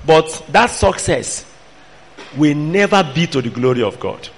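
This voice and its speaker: High-pitched Nigerian male preacher, animated and admonishing. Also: measured pace, gravelly, poor audio. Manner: emphatic, admonishing, rhetorical questions to listeners. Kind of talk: sermon to a fellowship.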